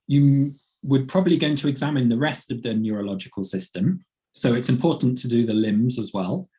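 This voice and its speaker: A man with a croaky, cold-roughened voice presenting a medical teaching webinar in a plain explaining way. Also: on the low side, a little mellow. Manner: plain explaining, light laughs.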